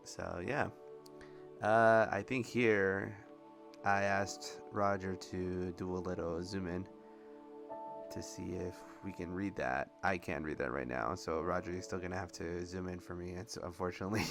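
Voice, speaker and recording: A man's voice: deep voice, a little slow, creaky, music in the background. A man doing casual, rambling commentary over video game footage and laughing often. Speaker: gameplay commentator.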